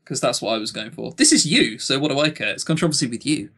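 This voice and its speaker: A 22-year-old man co-hosts a podcast, trading casual, joking chat full of tongue-in-cheek, self-deprecating banter. He talks fast in a medium-pitched, fairly bright voice.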